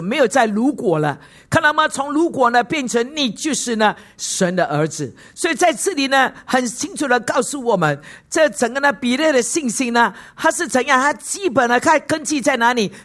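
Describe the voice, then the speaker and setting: A woman's voice: sits high, fairly bright tone. A woman pastor giving a sermon in Mandarin, constantly putting questions to the congregation and slipping in short English words. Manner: asks the congregation frequent questions.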